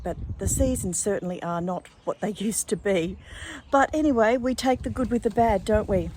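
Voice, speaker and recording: A little mellow and medium-pitched, an older Australian woman's voice carries a little hiss or hum. She is a vlogger chatting casually and effusively, addressing her viewers as darlings.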